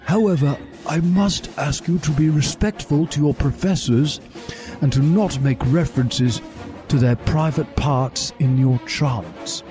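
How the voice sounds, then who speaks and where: A man's voice: on the high side, unhurried, dark tone, natural voice. Man doing a sly old wizard headmaster, oily and mock-evil, voice pushed up a bit, music behind. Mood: smug. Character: smug scheming old male headmaster wizard.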